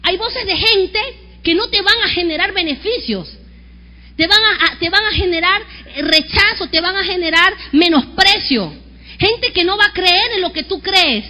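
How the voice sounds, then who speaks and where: A woman pastor preaching an animated sermon, calling on the congregation to repeat after her. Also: very high-pitched, normal speed, long reverb tail. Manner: animated preaching with call-and-response. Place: church sanctuary.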